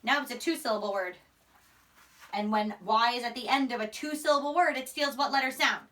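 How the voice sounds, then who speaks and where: A young woman with a fairly high, sharp voice teaches young children phonics, sounding out letters and words emphatically at a slightly quick pace. She's a primary school teacher standing before a whiteboard in a small indoor room, captured by a camera microphone a few steps away, so her voice sounds distant.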